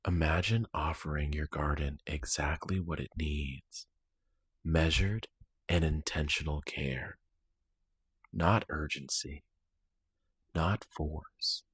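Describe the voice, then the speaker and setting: This meditation guide has a husky, extremely deep voice and delivers short phrases slowly and soothingly, pausing at length between them. It's a close, dry recording with no room sound at all.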